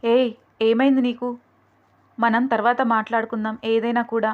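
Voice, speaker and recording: A woman's voice: on the high side, level tone, normal speed, dull audio, lightly acted. A woman voicing a timid young woman who pleads anxiously with her friend. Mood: pleading.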